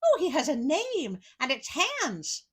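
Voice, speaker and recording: A woman's voice: sits high, huge pitch swings, slow pace. A woman reading fairy tales aloud and breaking off often with sarcastic, wry comments. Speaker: storyteller.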